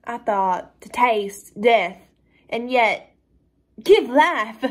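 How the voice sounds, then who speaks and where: A woman's voice: on the high side, very slow, pitched above the performer's own voice, full character voice. A woman voicing a callous young female cult member who brags coldly about violence, reading a dramatic script. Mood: gleeful. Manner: boastful, coldly matter-of-fact with bursts of excitement.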